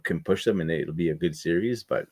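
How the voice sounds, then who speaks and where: Low voiced guy on a hoops stream, thinks out loud, lots of "i don't know"s. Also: fairly quick. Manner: thoughtful, with many restarts and hedges. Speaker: podcast co-host. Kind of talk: casual sports chat.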